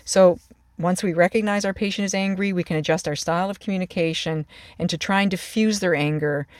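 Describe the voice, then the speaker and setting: A clinician from the emergency department gives a steady, unhurried lesson. Phrases often restart and words repeat. The voice sits at a middling pitch and sounds close and dry, with no room echo. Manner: calm, measured, with frequent restarts and repeated words. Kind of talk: instructional talk on calming angry patients.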